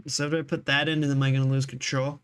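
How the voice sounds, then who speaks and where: A man's voice: mid-range voice, level tone, fast, smooth, soft background music. A young man streaming a game, chatting casually with friends in profane, joking banter. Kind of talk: casual gaming chat.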